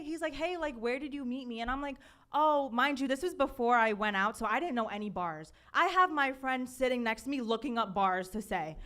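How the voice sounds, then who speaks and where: A young woman tells a story on a live podcast, her voice sitting a little high. She talks casually and acts out what each person said. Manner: animated storyteller acting out quotes. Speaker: podcast host. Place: podcast studio event.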